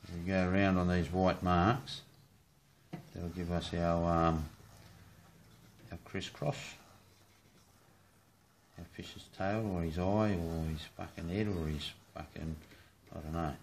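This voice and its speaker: A man's voice: sits low, fairly even intonation, takes it slowly, creaky, pauses often, slight background noise. A man with an Australian accent rambling casually in his kitchen, swearing freely and joking as he shows his hobby work. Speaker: hobbyist rod builder. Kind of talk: casual how-to video. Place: home kitchen.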